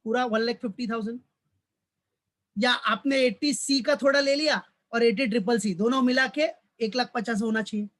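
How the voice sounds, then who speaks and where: A man with an extremely high, somewhat bright voice lectures on tax in a mix of Hindi and English, speaking at a moderate pace with a steady tone. The recorded class is taught by a college commerce lecturer who affectionately calls his students "beta," restates each point, and answers his own questions.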